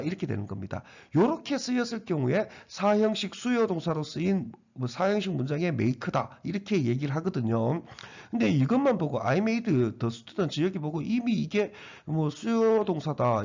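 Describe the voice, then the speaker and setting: A man's voice: on the high side, creaky, darkish tone, breathy edge. A man teaching English grammar, explaining each sentence step by step and repeating phrases as he goes. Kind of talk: grammar lecture. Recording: dull lo-fi recording.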